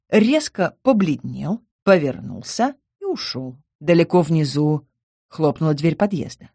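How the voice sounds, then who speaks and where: A woman narrating a first-person novel as an audiobook in a calm, quietly expressive way on a close mic. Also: fairly low pitch, no room sound. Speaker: audiobook reader.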